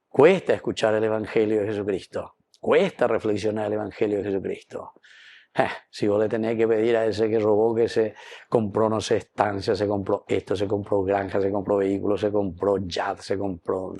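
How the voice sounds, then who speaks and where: A man with a Paraguayan Spanish accent, preaching a lively homily at Mass, full of rhetorical questions and Guaraní phrases. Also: on the low side, normal speed. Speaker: priest.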